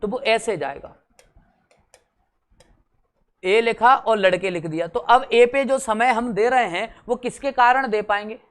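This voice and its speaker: Brief: young male teacher, smooth resonant tone, teasing classroom chat, quizzes the class. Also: extremely high pitch, normal speed. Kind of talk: exam-prep lecture.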